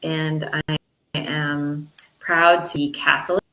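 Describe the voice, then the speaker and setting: A middle-aged woman from Canada answers interview questions in an earnest, upbeat manner. Her voice is notably low for a woman. The room around her is echoey. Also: little pitch movement, slow, sharp tone. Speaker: physician guest.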